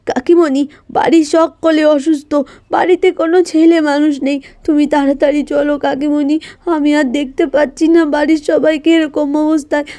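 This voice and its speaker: A woman's voice: high voice, steady tone, a little slow, dark tone, no echo. A woman voicing a frightened young girl in a doll story, pleading tearfully.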